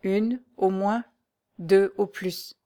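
A woman reading the part of an elderly male doctor, grave and sorrowful, with measured, somber replies. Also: medium pitch, fairly even intonation, warm tone.

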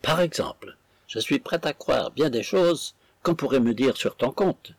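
A man's voice: medium pitch, big pitch swings, moderate pace, breathy edge, no room sound. A man voicing a proud, indignant young woman who scolds her sister with haughty scorn.

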